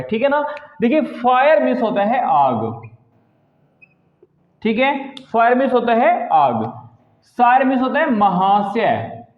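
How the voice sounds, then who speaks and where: A man teaching a lesson to camera in a patient manner, often tagging his sentences with a checking "right?". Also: very high voice. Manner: patient, repeats "ठीक है ना" as a filler tag. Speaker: English teacher. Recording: echoey room, tinny phone-like sound.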